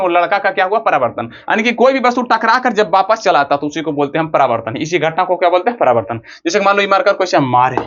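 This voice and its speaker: A man's voice: sits high, a bit bright. A man teaching a physics lesson in a rustic, joking way, asking questions and answering them himself. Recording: dull lo-fi recording.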